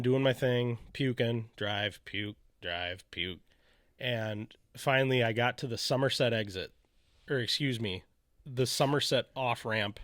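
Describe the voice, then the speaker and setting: A man's voice: medium pitch, a bit bright. A man talking through a personal story on a podcast in a loose, rambling way, throwing in frequent "you know"s and "right?"s. His voice sits in an everyday middle register. It is recorded close and dry, with no room echo. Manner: candid, rambling retelling with many "you know" asides. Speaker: podcast co-host telling his faith story. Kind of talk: casual storytelling conversation.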